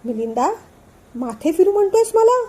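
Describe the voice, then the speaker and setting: A woman's voice: high-pitched, moderate pace, warm tone, close to an everyday voice. A woman voicing an irritable young man in a storybook reading, snapping short angry questions. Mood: irritated.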